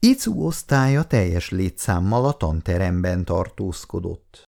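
A man narrates a story in a gravelly voice. His dark tone stays low, and his pitch moves a lot as he reads. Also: very animated.

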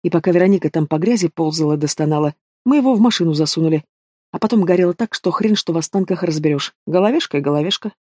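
Audiobook heavy: mocking young thug, read by a man, mellow and fairly high. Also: quick pace, no echo, studio quality, lightly acted. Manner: taunting, drawling, casual menace. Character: sneering young male villain, lazy and mocking. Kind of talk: audiobook character voice.

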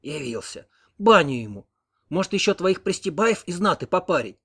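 Scolding old grandmother in her seventies, read by a man: shrill, weepy, raised pitch. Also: normal speed. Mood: furious. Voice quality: shrill scolding, sucking at false teeth. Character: angry tearful old village grandmother.

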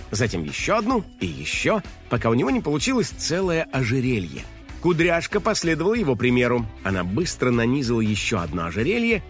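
A man reading a children's story aloud in an expressive, animated way. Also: mid-range voice. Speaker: narrator.

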